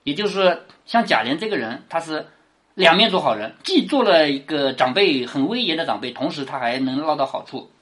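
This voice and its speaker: An animated lecturer whose pitch swings widely as they walk a listener through the scenes of a classic novel. The voice sits at a middling height and keeps rephrasing each scene in plain, everyday words. After almost every point it drops low and soft to ask whether the listener follows. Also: brisk. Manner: keeps asking rhetorical check questions, dropping low and soft on them. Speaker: teacher explaining a classic novel. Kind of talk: casual explanatory lecture.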